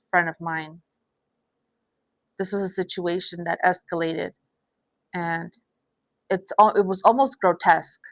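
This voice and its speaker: A woman's voice: on the low side, gravelly, fairly bright tone, dry recording. A woman doing an unscripted tarot reading. She speaks in a somber, sympathetic way, restarts often, repeats her phrases and sighs. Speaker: tarot reader.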